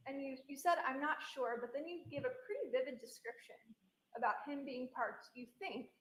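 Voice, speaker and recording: A woman's voice: high voice, normal speed, reverberant, low-quality recording. A woman attorney cross-examining a witness with pointed, leading questions, heard in a courtroom recording. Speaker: trial attorney.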